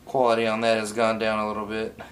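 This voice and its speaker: Young adult male reviewer, fairly low pitch, informal and self-correcting, casual chat in a garage with faint background noise. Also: monotone, fast talker. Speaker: hookah reviewer. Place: garage workshop, indoors. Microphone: camera a few feet away.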